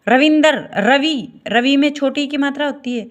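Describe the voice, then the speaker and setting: A woman's voice: sits high, muffled recording. A woman teaching a Hindi grammar class, spelling out vowel sounds one by one and checking with students as she goes. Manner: slow, repeats "ठीक है" and asks checking questions.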